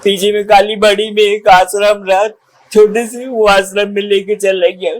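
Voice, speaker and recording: Old guy from central india, fairly high voice, haltingly telling what happened to him, repeats himself a lot. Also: level tone, low-quality recording. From Nagpur, India. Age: older. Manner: halting, simple storytelling with repetitions. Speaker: old age home resident. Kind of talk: personal testimony in an interview.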